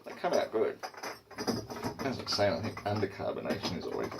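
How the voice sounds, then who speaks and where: A middle-aged Australian man with a gravelly voice, rambling casually and crudely in a drunken, jokey way. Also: fairly low pitch, huge pitch swings, brisk. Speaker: vlogger and home brewer. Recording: noisy home recording with clicks.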